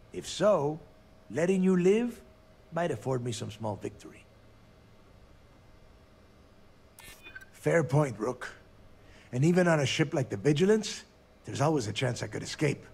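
An actor playing a cunning, bitter space pirate captain in a video game, sneering and taunting, dropping into hushed asides. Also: male voice, mid-range voice, vocal fry, slight background noise. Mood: wry. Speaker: game character.

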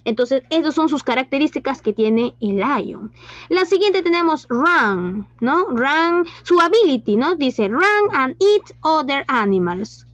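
Woman teacher, high slow voice, dull dry sound. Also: dry recording. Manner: mixes Spanish and English, asks questions and praises pupils. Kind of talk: online class teaching.

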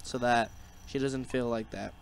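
A man's voice: medium pitch, fairly even intonation, measured pace, loud music behind the voice. A young man giving hesitant, stammering, joking commentary while playing a game. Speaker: gamer. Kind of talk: let's play commentary.

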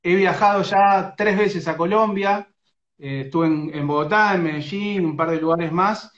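Here a high-voiced man at normal speed interviews a young footballer for sports radio via phone live stream, his Argentine Rioplatense accent clear through many fillers, halts and restarts. Recorded on a phone's front camera inside a small room, the audio comes out muffled with a roomy echo.

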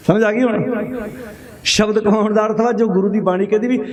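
Man, Punjabi accent, high voice, fiery sermon, crowd audible behind. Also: steady tone, a little fast. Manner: fiery, rhetorical questions, urging the crowd to answer. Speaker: Sikh preacher. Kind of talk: sermon to a congregation. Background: congregation.

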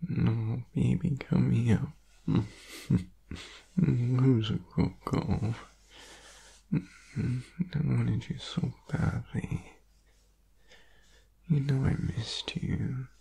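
Guy doing asmr boyfriend ASMR role-play, needy n sleepy, super breathy husky, soft dark tone, cuddly and tender. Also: medium pitch, steady tone, full character voice. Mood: needy, affectionate. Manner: slow, tender, clingy, soothing. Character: needy, sleepy, affectionate boyfriend cuddling his partner in bed.

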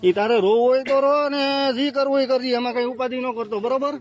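A man's voice: very high-pitched, steady tone, fast talker, slight background noise. A man arguing insistently on a residential street, scolding and repeating himself. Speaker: local resident confronting neighbors. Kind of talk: heated street argument. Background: crowd of people talking.

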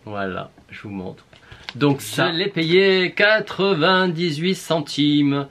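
A man's voice: a little high, lively intonation, slow, fairly bright tone, a little hiss or hum. A man with a southern French accent chatting casually to viewers in a shopping haul vlog, playful and full of exclamations. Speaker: beauty vlogger.

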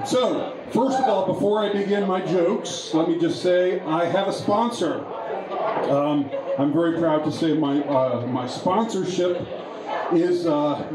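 A man doing a stand-up set in a bar, talking in a halting, rambling way with many restarts. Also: fairly high pitch. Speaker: stand-up comedian. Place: bar with a pool hall. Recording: echoey bar with crowd behind.

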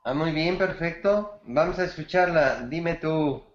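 A man's voice: fairly high pitch, measured pace, echoey room, dull audio. A man teaching songwriting gives feedback on a student's bolero, praising it and explaining grammar with song examples. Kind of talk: feedback in an online class.

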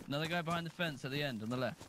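A man chatting casually with friends while playing a game online, in a calm, matter-of-fact way with hesitant fillers. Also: on the high side, rapid-fire, slight background noise. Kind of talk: casual gameplay chat.

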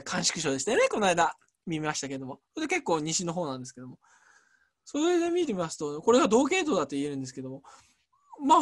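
A lecturer explaining at a relaxed pace, chatty, with many fillers and emphatic asides. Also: mid-range voice. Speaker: lecturer on Chinese culture.

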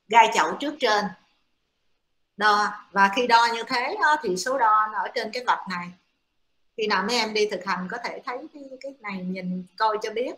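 A woman's voice: medium pitch, fairly bright tone. A woman giving a classroom lecture to students, explaining step by step with many hesitant fillers. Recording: echoey room.

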